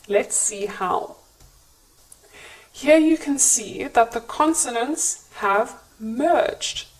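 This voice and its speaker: A woman with a British accent teaching English pronunciation in a careful, clearly enunciated scripted lesson. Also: fairly high pitch, rough recording.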